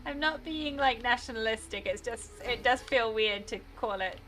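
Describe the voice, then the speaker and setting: A woman's voice: a little high, normal speed, a bit bright, soft background music, poor audio. A British woman chatting casually while streaming a game, rambling and laughing often. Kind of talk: casual gameplay commentary.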